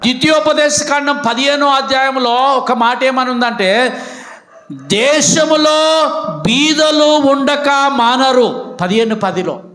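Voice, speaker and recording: A man's voice: sits high, fairly bright tone. A man, preaching a Sunday sermon as pastor, with emphatic outbursts and questions put to the congregation. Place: church.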